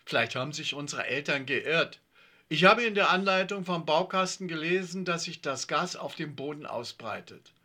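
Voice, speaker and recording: A man voicing a pedantic, calm schoolboy in a story reading. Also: fairly high pitch, normal speed, heavily acted. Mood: thoughtful. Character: pedantic schoolboy who corrects others.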